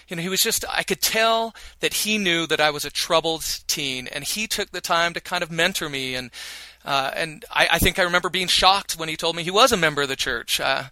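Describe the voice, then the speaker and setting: Hesitant, bright-voiced man recalling his past. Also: a little high, no echo. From Utah. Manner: hesitant, many restarts and fillers. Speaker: interviewee. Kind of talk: reflective personal interview.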